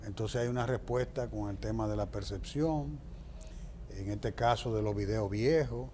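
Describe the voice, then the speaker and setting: A fairly low, dark voice at normal speed belongs to a Dominican-accented man giving political answers in an interview. Emphatic and explanatory, he voices firm opinions and likes rhetorical questions, and there is a slight hiss or hum on the recording.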